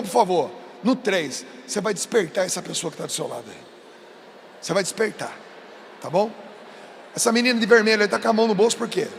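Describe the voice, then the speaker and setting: A Brazilian man preaching to a youth crowd, emphatic, swinging between coaxing and shouting. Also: extremely high pitch, vocal fry. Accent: Brazilian Portuguese. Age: adult. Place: large event stage. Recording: long reverb of a big venue, faint noise.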